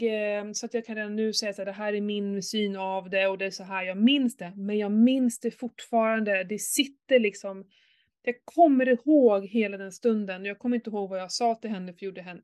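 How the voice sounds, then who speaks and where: A middle-aged woman in candid casual chat, telling an emotional personal story with lots of swearing and animated outbursts. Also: medium pitch, smooth.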